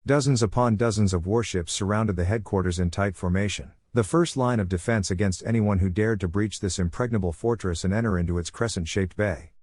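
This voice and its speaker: A man narrating a fan-fiction story, reading in a steady, measured way. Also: fairly low pitch, dry recording, studio quality.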